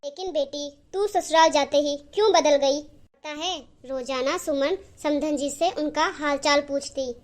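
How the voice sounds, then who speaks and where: A woman voicing a weary, gentle old mother. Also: high voice, measured pace.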